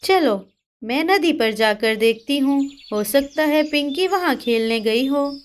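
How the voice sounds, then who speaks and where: A woman's voice: high-pitched, animated, slow, a little hiss or hum. Woman voicing a worried mother sparrow.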